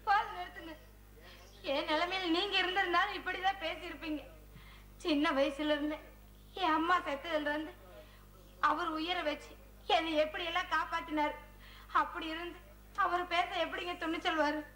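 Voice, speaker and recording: A woman's voice: extremely high pitch, fairly even intonation, normal speed, long pauses, bright, forceful tone. A woman playing a young woman torn between her father and her lover on a village stage. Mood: tearful. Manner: emotional, pleading. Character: tearful devoted young woman in love. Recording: echoey open-air stage with music.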